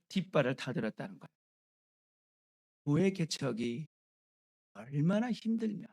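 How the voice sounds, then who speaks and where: A man's voice: a little high, a little mellow. A middle-aged man preaching at a church founding service, telling a story and building to emphatic declarations. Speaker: pastor. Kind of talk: sermon.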